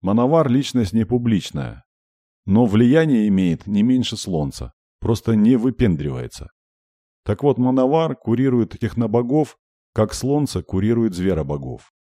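A man doing a brisk, upbeat goddess woman. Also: lowish voice, very animated, dark tone, no echo, clean studio sound, voice pushed up. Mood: lively, confiding. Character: energetic cheerful supreme goddess woman. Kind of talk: audiobook character voice.

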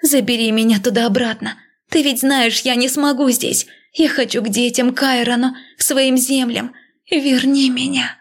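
A desperate young queen pleads urgently, her voice lifted higher than the narration, as the woman reading puts her on. A slight gravelly texture stays under her determined, insistent lines. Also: steady tone, normal speed. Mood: pleading.

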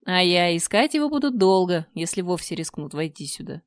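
A woman's voice: on the low side, big pitch swings, brisk, no room sound, studio quality. A woman voicing an ancient female spider monster that murmurs slyly and grumbles, in an audiobook reading. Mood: smug. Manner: murmuring, sly, clicking and smacking.

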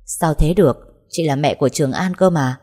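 A courteous middle-aged housemaid in an audio story, as a narrator puts her on, speaking in a low, mellow voice. She is deferential and careful with her words. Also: fairly quick. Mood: polite. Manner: polite, deferential.

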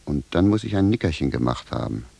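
An actor playing a blunt, bewildered peasant shoemaker in a 1970s radio drama, gruff and indignant. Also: male voice, rumbling low, big pitch swings, quick pace, mellow, no room sound, heavily acted. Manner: gruff, plain-spoken, indignant.

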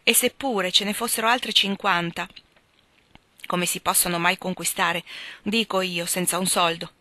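A woman's voice: lowish voice, fairly even intonation, normal speed, pushed and bright, no echo. A woman reading aloud, voicing a ruined young nobleman who gambled away his fortune, dejected and pleading. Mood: despairing.

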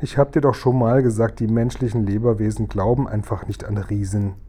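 A big friendly giant out of a storybook, slow and grumbling, muddling his words in a soft, mellow voice, as a man reading aloud puts him on. He talks plainly and a little gloomily. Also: lowish voice, fairly even intonation, breathy edge. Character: gentle mumbling male giant, mixes up words.

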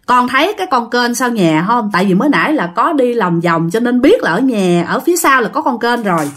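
A woman's voice: on the high side, animated, a little fast, fairly bright tone. A woman telling a ghost story in a chatty, rambling way. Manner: chatty, rambling, filler-heavy. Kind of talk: casual ghost-story narration.

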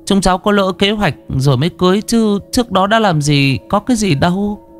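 A frightened young woman who stumbles over her words as she pleads, played by a man. Her voice sits far above his usual low register and leaps about in pitch, with faint music behind. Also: expressive, a little fast. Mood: pleading. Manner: stammering, panicked, pleading. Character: frightened young daughter-in-law.

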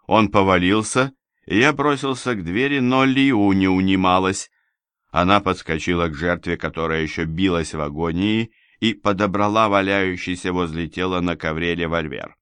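A man reading a first-person novel aloud as an audiobook narrator, measured and dramatic. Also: low voice, a bit bright, smooth, dry recording.

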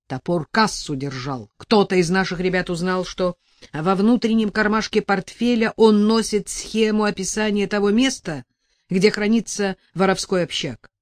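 A woman's voice: medium pitch, steady tone, normal speed, dry recording, clean studio sound, natural voice. A woman reading an audiobook and voicing a crude, threatening male gangster who speaks bluntly in slang. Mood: menacing.

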